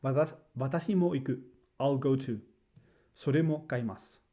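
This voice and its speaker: A man giving a casual spoken lesson, hesitant and filling pauses with "uh" and "right?". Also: mid-range voice, dark tone. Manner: hesitant, many fillers, frequent "right?". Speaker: language teacher.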